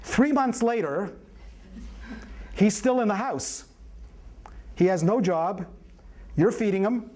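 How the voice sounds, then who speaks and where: A man with a high, darkish voice teaches a prenatal class as an obstetrician. He tells stories in a playful, folksy way and throws questions out to the room during this live classroom lecture.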